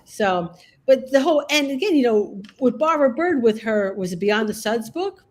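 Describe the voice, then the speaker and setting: A woman's voice: a little high, expressive, normal speed, slight background noise. A woman who works as a groomer and educator, telling stories in casual conversation and often checking in with "okay?" and "all right?".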